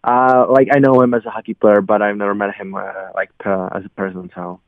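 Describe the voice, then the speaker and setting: A young man from the Czech Republic with a Czech accent, a guest on a call-in radio interview, answering in halting English full of fillers. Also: lowish voice, flat delivery, dry recording. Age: young adult. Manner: halting, filler-heavy non-native English. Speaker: guest athlete. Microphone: phone. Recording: dry tinny phone line.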